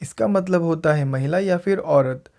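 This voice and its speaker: A man with an Indian English accent, a teacher, gives a casual video lesson in pronunciation and says each word slowly and clearly more than once. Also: fairly high pitch, a little mellow. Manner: repeats words slowly and clearly for learners.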